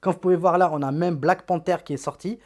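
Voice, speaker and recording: A man's voice: high voice, steady tone, fast talker, a little mellow. A tech YouTuber walking through the apps on his phone in a chatty, blunt, slangy way, often repeating words. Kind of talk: casual phone app walkthrough.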